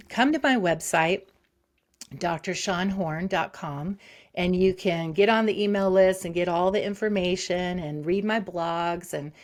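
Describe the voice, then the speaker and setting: A woman psychologist, a guest in an interview, talking casually in a lively, rambling way with many fillers and restarts. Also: on the low side.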